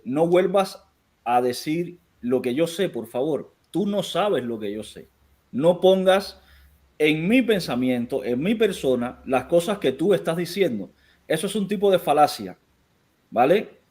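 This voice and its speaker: A man's voice: on the high side, expressive, moderate pace, a little mellow. A Cuban man with a Cuban Spanish accent hosting a live stream, firmly interrupting a caller and insisting on his own views. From Cuba. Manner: firm, interrupting, insists on not being told what he knows. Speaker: channel host.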